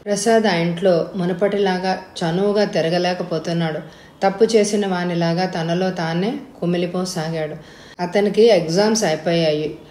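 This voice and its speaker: Audiobook narrator: woman, low and mellow, steady and measured, echoey room. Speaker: audiobook reader. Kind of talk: scripted story narration.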